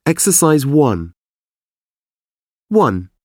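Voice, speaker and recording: A man's voice: a little high, sing-song, very slow, no echo, clean studio sound. A man making formal, clipped scripted announcements for a language lesson recording. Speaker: exercise announcer.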